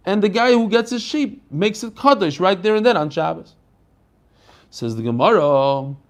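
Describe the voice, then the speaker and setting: High-voiced man teaching Talmud. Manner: animated question-and-answer explaining, acting out dialogue; code-switching into Hebrew and Aramaic phrases. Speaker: rabbi teaching a daily Talmud class. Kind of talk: Talmud lesson, reading and explaining text.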